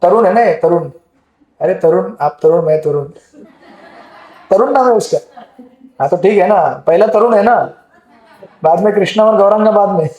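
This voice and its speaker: A man teaches a scripture class in a chatty, questioning way, with a high voice for a man. His tone is mellow, and the hall gives it a roomy echo. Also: moderate pace, long pauses, dull audio. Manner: conversational, asks the audience questions. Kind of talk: Gita class lecture. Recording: echoey hall.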